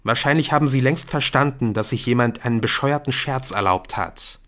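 A man's voice: medium pitch, normal speed, a bit bright, lightly acted. A man reading an audiobook, voicing a defensive teenage schoolboy who brushes off his friend's worries. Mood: dismissive. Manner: dismissive, brushing things off. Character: defensive teenage schoolboy hooked on a secret game. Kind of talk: audiobook character voice.

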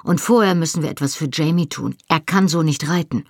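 A reader voicing a stern, commanding man who leads a band of Highland men in an audiobook, speaking with authority that allows no argument. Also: fairly quick, creaky, no room sound, studio quality. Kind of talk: audiobook reading.

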